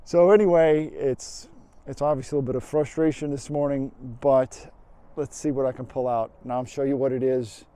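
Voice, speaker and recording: A man's voice: medium pitch, moderate pace, clean tone. A man in his fifties, a landscape photographer, talking casually on a windy open hilltop outdoors through a lapel mic, thinking aloud as he explains his camera settings. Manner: relaxed, thinking aloud with fillers and restarts.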